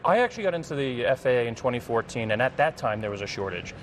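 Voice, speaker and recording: This middle-aged man, an American-accented congressional candidate who once worked as an air traffic controller, gives earnest answers as a news interview guest and repeats phrases to stress them. He talks at a quick pace with big pitch swings at medium pitch, and the audio is poor, with a little hiss or hum.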